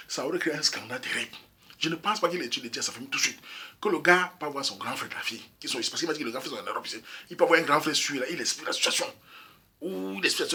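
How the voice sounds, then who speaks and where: A man's voice: on the high side, sharp tone, husky. A man from Cameroon giving a casual opinion monologue on a couple's problems, emphatic and repetitive, often speaking straight to his listeners. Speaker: YouTube commentator. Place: Europe.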